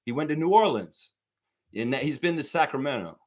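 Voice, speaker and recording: A man's voice: on the high side, expressive, a little fast. Heated, swearing man ranting on a stream. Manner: profane, heated, repetitive ranting; addresses viewers directly. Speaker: sports stream host. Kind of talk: live sports talk rant.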